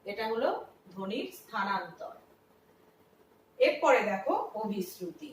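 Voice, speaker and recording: A woman's voice: mid-range voice, animated, measured pace. A woman teacher explaining a lesson step by step, asking questions and answering them herself. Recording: echoey room, from a distance, faint noise.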